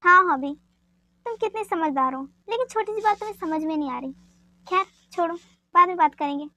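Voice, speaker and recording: A woman voicing an anxious, caring young woman who is quick to anger, with a pleading, emotional manner, in a fan dub drama. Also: extremely high pitch, pushed and bright, no echo. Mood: fond.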